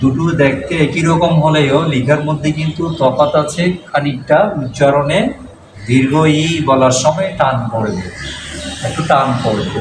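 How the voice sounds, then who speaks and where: A man, a Buddhist monk, teaching a class how to pronounce letters, patiently repeating each sound and quizzing his students. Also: mid-range voice. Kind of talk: classroom pronunciation lesson. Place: classroom with a board. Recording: echoey room, distant mic, noise.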